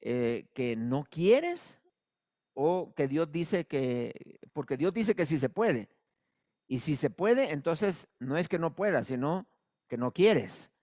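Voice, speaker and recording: A man's voice: on the high side, big pitch swings, slow, darkish tone. A man teaching a class on biblical counseling, explaining conversationally with fillers and acted-out examples. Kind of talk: recorded class lecture.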